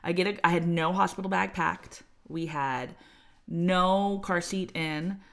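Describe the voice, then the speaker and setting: A woman's voice: fairly low pitch, steady tone, unhurried, creaky, a bit bright. A woman, chatting as podcast co-host and telling a personal story with lots of fillers and quoted voices. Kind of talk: casual chat, telling her birth story.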